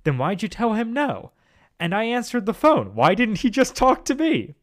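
A man voicing a puzzled young woman in a fan story, pitched well above his own voice. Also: very animated, moderate pace. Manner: raised, questioning pitch.

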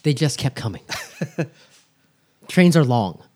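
A man's voice: medium pitch, very animated, slow, warm tone. Man, podcast co-host, rambling crude humor, loose casual delivery. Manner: rambling, crude, jokey, stops and restarts often. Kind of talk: casual chat.

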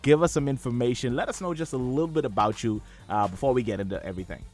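A man hosting a radio show in a studio, hyping the audience with big swooping pitch. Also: fast, a little mellow, faint music behind. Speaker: radio host.

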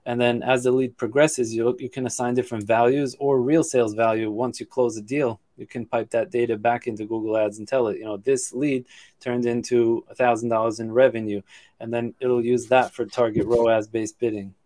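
A man speaking as a guest on a podcast. He explains at length in a steady, practical way, doubling back on words and filling pauses with ums. His pitch is in the usual middle range. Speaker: guest expert. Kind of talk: casual podcast interview.

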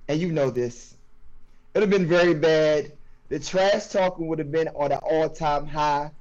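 A man's voice: a little high, normal speed, darkish tone. A man in casual trash-talk chat, heard through fuzzy, distorted audio from his phone, talking with stammered restarts. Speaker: fantasy football league member. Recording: dull lo-fi phone sound.

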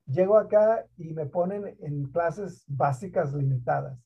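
A middle-aged man from Mexico, a guest on a talk program, telling his story in an animated, emphatic way and dropping in English words. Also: a little high, measured pace, gravelly, husky. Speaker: guest, school district program director. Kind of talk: conversational interview storytelling. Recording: dull lo-fi online call audio.

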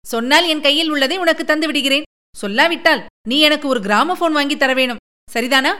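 A woman's voice: high voice, fairly quick, voice pushed up. A woman reading a story and voicing a playful young village girl who coaxes her older brother in a sing-song voice. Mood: teasing. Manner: pleading, sing-song, excitable. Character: lively young village girl, playful, coaxing little sister.

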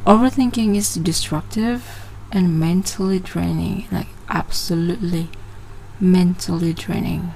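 A woman's voice: fairly low pitch, steady tone, unhurried, vocal fry, a little mellow, a little hiss or hum, low-quality recording. A woman in her twenties from Malaysia, hosting a casual personal podcast and often hesitating and restarting her phrases. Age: 20s. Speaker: podcast host.

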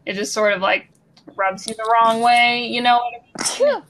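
A young Midwestern woman co-hosts a casual podcast, answering bluntly with a dry, sarcastic edge. Her voice sits slightly high. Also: fairly even intonation, normal speed, fairly bright tone, slight background noise. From Missouri. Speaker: podcast co-host. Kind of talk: casual chat.

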